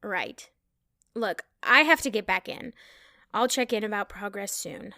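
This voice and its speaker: A woman's voice: medium pitch, lively intonation, unhurried, gravelly, pushed and bright, no room sound, heavily acted. An actress playing a nervous, giggly young woman who is hiding a secret. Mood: flustered. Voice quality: giggly, flustered. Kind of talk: audio drama acting.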